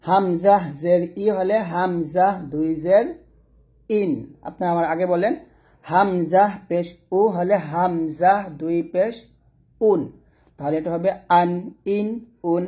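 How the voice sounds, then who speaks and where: A man teaching Quran reading, drilling letter sounds slowly and patiently and repeating each syllable. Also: high voice, steady tone, warm tone. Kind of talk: pronunciation lesson.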